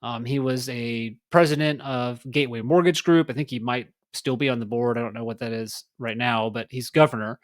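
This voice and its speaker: A man's voice: medium pitch, fairly even intonation, brisk, hardly any pauses, dry recording, clean studio sound. A man from Texas hosting his own podcast, talking casually about politics and daily life in a rambling way with many fillers. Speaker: podcast host. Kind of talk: casual solo political talk.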